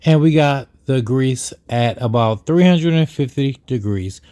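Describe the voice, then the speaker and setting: A man's voice: mid-range voice, unhurried, dark tone. A man chatting casually as a cook and co-host on a food vlog. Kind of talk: casual cooking vlog chat. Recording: close dry sound with music under it. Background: background music.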